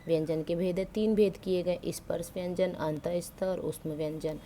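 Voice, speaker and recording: A woman teacher with a low, mellow voice walks students through grammar one point at a time. She asks a question, then answers it herself, dropping English words in as she goes. A faint hiss of background noise sits under her voice. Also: fairly even intonation, normal speed. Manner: mixes English words into Hindi. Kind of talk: explaining Hindi grammar to school students.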